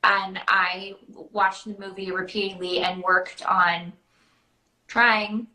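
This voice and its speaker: A young woman who works as a princess party performer chats casually as a guest, hesitating and interrupting herself. Her mid-range voice is slow and level in tone but sounds pushed and bright, and the room gives it an echoing quality.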